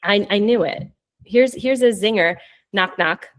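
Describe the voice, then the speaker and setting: A woman's voice: medium pitch, normal speed. A young woman poet reading her own poems at a virtual launch, joking between earnest readings. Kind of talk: virtual poetry reading with banter.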